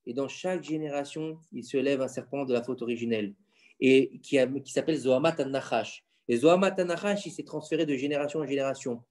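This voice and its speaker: A man explaining religious stories to his children in a casual home lesson, animated and quizzing them with questions. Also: medium pitch, a little fast. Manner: insistent, keeps the floor. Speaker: father teaching his children.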